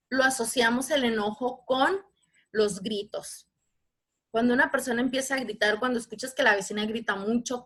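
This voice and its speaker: A woman with a Mexican Spanish accent runs a live online workshop over a video call. Her voice sits a little high, and she speaks patiently while asking the audience questions. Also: a bit bright. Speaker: workshop facilitator.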